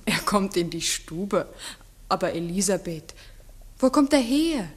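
An earnest, slightly husky village schoolmistress. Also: female voice, mid-range voice, animated, measured pace. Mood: probing, gently stern. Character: earnest, strict village schoolteacher, a single woman. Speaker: actor and first-person narrator. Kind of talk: 1960s German radio drama acting and narration.

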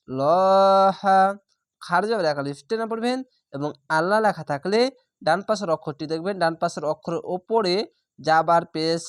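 A man teaching Quran reading who spells out each letter and vowel mark before slowly reciting the whole word. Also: sits high, dry recording, studio quality. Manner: draws out recited words slowly.

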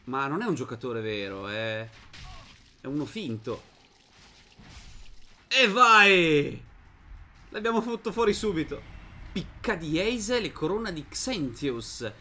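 A young man giving casual let's-play commentary as host of a gaming channel, chatting to his viewers and to the game's characters, and breaking into high shouts in fights. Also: a little hiss or hum. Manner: excitable, bursts into high shouts during fights.

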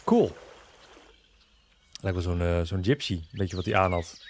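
A man's voice: deep voice, lively intonation, a little slow, darkish tone, slight background noise. A man casually commentating on a game he is playing, joking and bantering with the characters on screen. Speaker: gaming video host. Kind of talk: casual let's-play commentary.

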